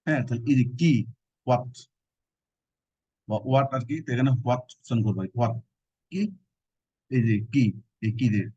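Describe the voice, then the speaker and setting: A male teacher talks students through an exam-prep lecture, leaning on jokey memory tricks. His voice is mellow and dark. It is captured on a dull, lo-fi recording with a dry sound. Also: mid-range voice, a little slow, pauses often, dry recording. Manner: colloquial, explains with joking memory tricks.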